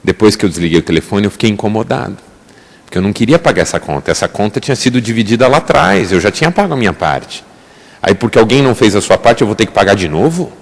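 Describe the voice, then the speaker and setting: Lively Brazilian pastor in an echoey church. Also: male voice, on the low side, fast talker. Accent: Brazilian Portuguese. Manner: lively storytelling, emphatic rises. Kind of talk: sermon.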